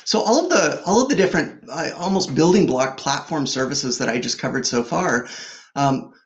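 A man in his forties, guesting as a product executive, presents a conversational tech keynote via webcam from his home office. He's fluent and upbeat with frequent fillers, speaking animatedly at a moderate pace in a fairly high-pitched voice.

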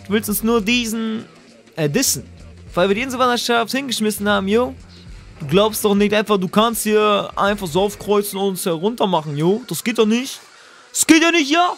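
A man's voice: high voice, expressive, a little fast, a bit bright, soft background music, pitched above the performer's own voice. A man voicing a brash young gang grunt who taunts in street slang. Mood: taunting.

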